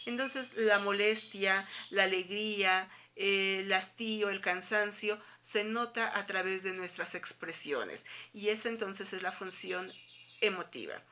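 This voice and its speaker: A woman's voice: medium pitch, unhurried, bright, forceful tone. A woman teacher with a Mexican accent, explaining a lesson to students in a recorded video, patient and full of examples. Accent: Mexican Spanish.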